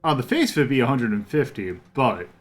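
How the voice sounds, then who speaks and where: A man's voice: medium pitch, very animated, a little fast. A man streaming a game, musing and thinking aloud in casual commentary.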